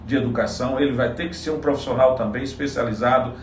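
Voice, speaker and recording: A man's voice: mid-range voice, fairly even intonation, quick pace, far from the mic, slight background noise. Earnest man, echoey room. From Salvador, Bahia, Brazil. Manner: earnest, explanatory, many restarts. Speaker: psychologist and political candidate. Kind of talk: interview answers.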